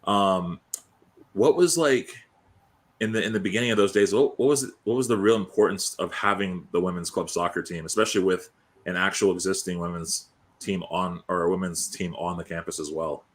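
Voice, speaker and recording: A man's voice: low voice, moderate pace. A man hosting an interview, asking questions in a casual, rambling and informal way. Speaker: interviewer, host.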